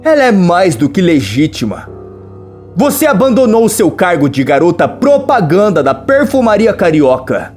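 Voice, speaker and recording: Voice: medium pitch, big pitch swings, moderate pace, a little mellow, soft background music. A narrator reading a smug scheming male boss who mocks and bargains. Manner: mocking, smug.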